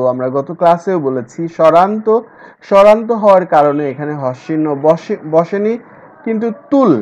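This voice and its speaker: A man teaching an online class, stretching words out slowly when he models pronunciation. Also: fairly high pitch, slight background noise. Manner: slow drawn-out syllables when modeling pronunciation. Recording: dull lo-fi recording.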